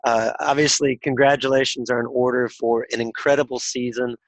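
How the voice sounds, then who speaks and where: His cold has left him close to losing his voice, yet this drag racing podcast host carries on an interview, talking casually and filling gaps often. The mid-range voice is flat and brisk, captured in a dry but poor-quality recording.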